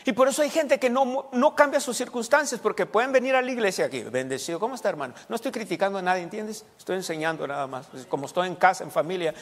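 A man's voice: sits high, fast talker, hardly any pauses. A male pastor preaching a folksy, conversational sermon, repeating words and quizzing the congregation. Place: church hall. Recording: long church hall reverb.

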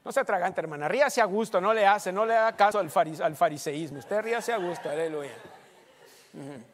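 A man preaching a sermon in a church, telling a joking personal testimony and getting loud and animated at times. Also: high-pitched, fairly quick. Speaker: pastor. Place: church hall. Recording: long hall reverb.

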